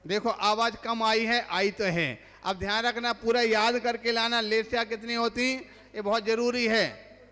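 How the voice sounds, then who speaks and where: A man's voice: very high-pitched, fairly even intonation, a little slow, bright, forceful tone. A man, a monk teaching a religious class, asks the listeners questions and then recites the lists himself. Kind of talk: quizzing religious lesson. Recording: long hall reverb.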